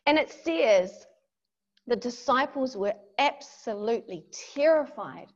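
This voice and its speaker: A woman's voice: a little high, animated, takes it slowly. Woman giving an earnest devotional talk. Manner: earnest, vivid storytelling. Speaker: devotional workshop leader. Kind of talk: devotional talk with Bible reading. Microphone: video call. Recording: dull lo-fi call audio.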